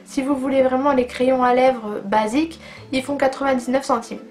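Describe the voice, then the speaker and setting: A woman's voice: sits high, steady tone, normal speed, a little mellow. A woman chatting enthusiastically in a casual beauty vlog, reviewing makeup products with plenty of fillers. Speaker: beauty vlogger.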